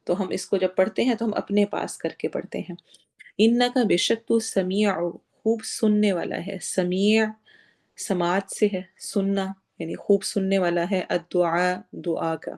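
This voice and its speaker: Woman, Quran recitation teacher, patient, step-by-step explanations, stretched-out demonstrations, mellow dark tone. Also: mid-range voice, steady tone.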